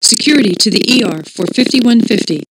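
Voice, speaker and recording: An actress voicing a calm hospital intercom announcer, giving soft, measured public-address paging announcements over a loudspeaker in a game. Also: female voice, a little high, breathy edge, no room sound. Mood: even. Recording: distant loudspeaker voice over loud music.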